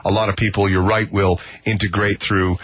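Husky-voiced radio host. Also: male voice, lowish voice, level tone, moderate pace, a bit bright. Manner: loose, rambling, with fillers and restarts. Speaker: radio morning show host. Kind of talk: casual radio interview. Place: radio studio. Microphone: studio microphone.

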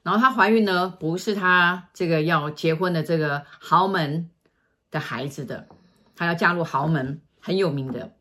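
A middle-aged woman, telling a story in casual chat and acting out quoted lines in a hushed voice. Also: lowish voice, normal speed. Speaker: feng shui consultant telling stories.

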